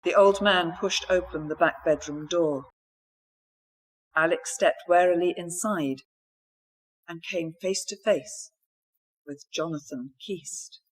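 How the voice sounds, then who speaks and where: A woman author reading a mystery novel aloud in a steady, even storytelling manner. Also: lowish voice, takes it slowly, long pauses, slightly rough.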